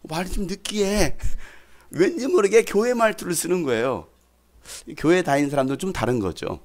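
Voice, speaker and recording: A man's voice: fairly high pitch, a little fast. A man preaching a sermon as pastor, putting questions to the congregation and acting out quoted speech. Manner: animated, asks the congregation questions and acts out quotes.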